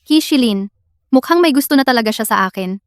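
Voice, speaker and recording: Tipsy young woman for drama dub, played by a woman, lovestruck and clingy, high-pitched, soft music underneath. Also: lively intonation, quick pace, smooth, no echo, close to an everyday voice. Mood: smitten. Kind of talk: dubbed drama acting.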